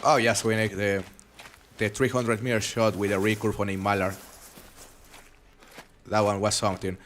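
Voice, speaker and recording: There's a little hiss or hum behind this young man's voice, which sits on the low side at a normal speed. He has a foreign accent and casually comments on a live hunting game stream, reading chat in a relaxed, rambling way with plenty of restarts.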